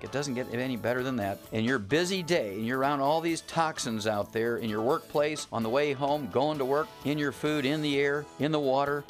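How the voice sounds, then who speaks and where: An eighty-year-old man hosts a radio talk show, pitching products in a rambling, repetitive manner full of fillers.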